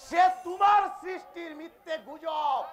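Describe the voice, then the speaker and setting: A man's voice: very high-pitched, a little slow, fairly bright tone, faint music behind. A man playing an earnest, defiant young patriot in Bengali folk theatre, declaiming formally and passionately with a Bengali accent. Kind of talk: historical Bengali jatra folk theatre acting.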